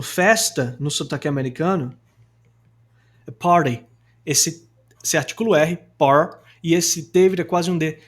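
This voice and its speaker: A young Brazilian man gives an online English lesson with a slightly high-pitched voice. He explains pronunciation in Portuguese, then models English example phrases. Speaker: English teacher.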